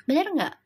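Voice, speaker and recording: A woman's voice: high-pitched, darkish tone. Chatty woman scolding her live chat. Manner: chatty, scolding viewers, rhetorical questions. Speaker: tarot live streamer. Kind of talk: casual live-stream chat reading comments.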